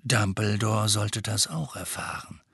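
A man's voice: on the low side, measured pace, gravelly, a bit bright, slightly rough, no room sound, clean studio sound, full character voice. A man doing a mild, kindly father.

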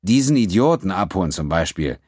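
A panicky, hot-tempered male captive, played by a man reading an audiobook, pitched well above the reader's own deep voice. He talks in a tense, pleading, snapping way and leans hard on his words. The sound is dry and close. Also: very animated, fairly quick, darkish tone, no room sound. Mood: agitated. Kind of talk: audiobook character voice.

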